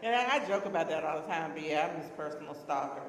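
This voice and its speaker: A woman guest answering interview questions casually and candidly, often pausing with "um" and laughing. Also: low-pitched, animated. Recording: echoey room.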